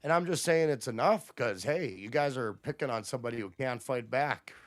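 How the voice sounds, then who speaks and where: A man's voice: mid-range voice, animated, fairly quick, no room sound, soft background music. A man hosting a livestream, ranting at his chat in a profane, combative way. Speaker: livestream host. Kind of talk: casual livestream rant to chat.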